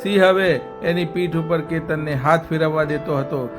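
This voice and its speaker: A man's voice: a little high, moderate pace, music in the background. A male storyteller narrating a children's story and speaking directly to young listeners with a moral.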